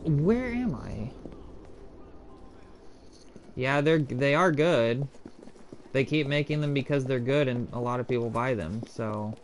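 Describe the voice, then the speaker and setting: A man's voice: medium pitch, animated, slow, long pauses, slight background noise. A man streaming gameplay live, reacting with frustrated outbursts and a lot of swearing. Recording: game music playing behind.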